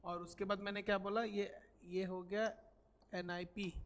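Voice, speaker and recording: A man's voice: high-pitched, flat delivery, measured pace, a bit bright. Male coaching teacher, lecture style, asks and answers his own questions, English, long hall reverb. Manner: repeats key figures, asks questions then answers them. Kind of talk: classroom lecture. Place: coaching classroom.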